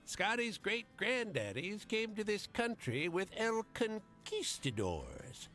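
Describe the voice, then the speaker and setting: A salty old driver from a story game, gruff as an old fisherman and fiercely proud of what is his. The voice jumps high and swings widely, exclamatory and quick to take offense, with music underneath. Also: wildly swooping pitch, bright, forceful tone, full character voice. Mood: boastful. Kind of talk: video game character voice.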